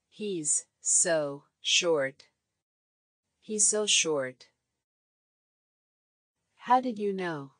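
Woman slowly repeating short phrases. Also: fairly low pitch, fairly bright tone, dry recording, studio quality. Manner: each short phrase read three times, measured and clear. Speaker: English phrase reader. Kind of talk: slow repeated phrase drills.

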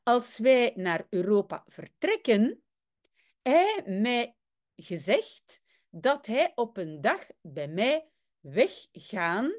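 A woman voicing an excitable male general who speaks clumsy Dutch with a mock Spanish accent, read slowly word by word. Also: mid-range voice.

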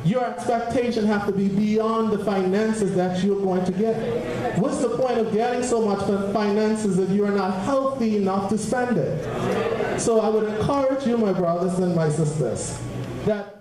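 A man's voice: sits high, normal speed, a crowd in the background. A young man from Turks and Caicos preaching about giving in a church, speaking into a handheld mic with fervent, rhythmic repeated phrases. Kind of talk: offering exhortation. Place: large church hall with congregation. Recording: very echoey church hall.

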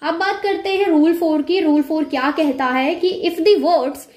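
A woman's voice: high-pitched, measured pace, a little mellow, echoey room. A woman teaching English grammar in a recorded lecture, explaining step by step and answering her own questions.

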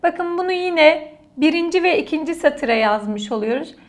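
A woman's voice: high-pitched, animated, moderate pace. A woman teaching an alphabet lesson to children, patiently repeating each letter and word aloud for the class to copy. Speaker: language teacher.

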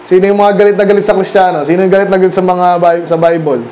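High-pitched Filipino man preaching. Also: fairly even intonation, racing, darkish tone. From Philippines. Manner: conversational preaching, frequent rhetorical questions to the congregation; switches often between Tagalog and English. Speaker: pastor. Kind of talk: sermon. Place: church during a Sunday night service.

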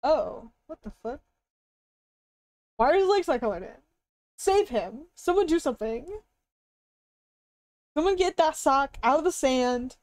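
Young female streamer, cute bubbly anime-streamer manner, high and very animated, casual chat. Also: a little slow, long pauses, no echo. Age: young adult. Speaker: live streamer. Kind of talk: casual livestream chat, browsing and reacting. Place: indoor room at a streaming desk.

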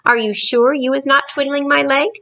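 A kindly, excitable storybook giant, played by a woman, who mangles grammar and makes up words. The voice is bright and lifts high, with slightly muffled sound. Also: normal speed, creaky, heavily acted. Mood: delighted. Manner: muddled grammar and invented words. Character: gentle, eager, nervous male friendly giant.

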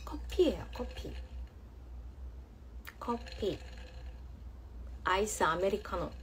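A woman's voice: mid-range voice, animated, extremely slow, slight background noise. A woman in her thirties from Jeonju, chatting casually on a phone livestream, reading viewer comments in a playful, teasing way and drawing out words for emphasis. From Jeonju, Korea. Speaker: livestream host. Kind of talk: casual live-stream chat reading comments.

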